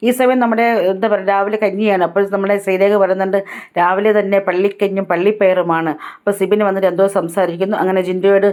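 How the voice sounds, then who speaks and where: A woman vlogger talks through a reality show episode at a rapid clip in a middle-pitched voice. She keeps her retelling chatty and casual, with frequent tag words, as she lays out who said what. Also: fairly even intonation, darkish tone. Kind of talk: casual episode recap narration.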